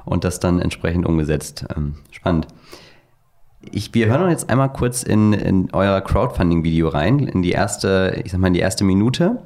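Very deep gravelly podcast host. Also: male voice, lively intonation, normal speed, a little mellow. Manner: loose, filler-heavy, friendly questions. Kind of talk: casual interview chat.

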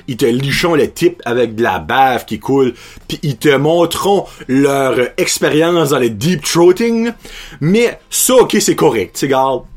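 A young man with a Québécois accent, hosting and telling crude, profane stories in a casual rambling monologue. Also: medium pitch. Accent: Québécois French. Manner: crude, profane and animated, with frequent laughs.

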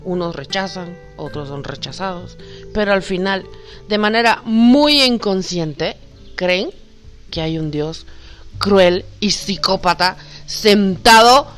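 A woman from Cuba delivers a gentle spiritual talk, calling her listener sweetheart. Her mid-range voice coaxes and often falls to a hush. Faint music plays underneath. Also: mid-range voice, takes it slowly. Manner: affectionate, calls the listener sweetheart; soft, coaxing, often drops to a hush. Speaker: spiritual guide.

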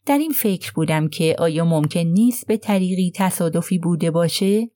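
A woman voicing a plain, earnest young male mechanic who speaks haltingly and apologetically, groping for words. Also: lowish voice, dark tone, no echo, studio quality, natural voice.

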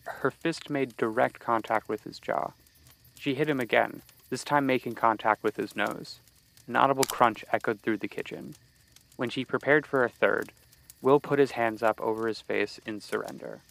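Guy reading a horror story, gravelly voice, steady and even, medium pitch. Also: moderate pace, poor audio. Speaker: narrator. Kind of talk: scripted horror story narration.

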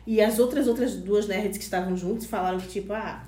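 A woman's voice: mid-range voice, fairly quick, reverberant. A middle-aged woman, a teacher chatting casually and telling a story with lots of quoted dialogue. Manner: animated storytelling, quoting herself. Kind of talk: casual chat.

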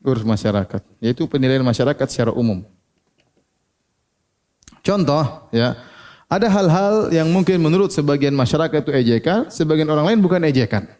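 A male preacher, giving a religious lecture in a fairly high but mellow voice. He keeps putting questions to his listeners and then answers them himself. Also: expressive, normal speed. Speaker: Islamic preacher.

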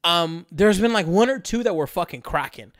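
A man's voice: high voice, animated, moderate pace, fairly bright tone, dry recording, studio quality. A young man co-hosting a podcast, telling a long party story in a rambling, profane way, with lots of fillers and laughter. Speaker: podcast co-host. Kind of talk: casual storytelling chat.

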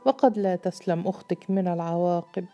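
A woman's voice: lowish voice, a little fast, dark tone, soft background music, natural voice. A woman voicing an anxious mother in a storybook, stern and agitated. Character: anxious mother scolding her daughter.

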